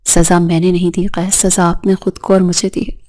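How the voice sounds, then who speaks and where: Stern wounded young mother, read by a woman, low and mellow voice, firm storybook dialogue. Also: level tone, natural voice. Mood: bitter reproach. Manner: firm, reproachful. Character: proud hurt young mother, stern but trembling.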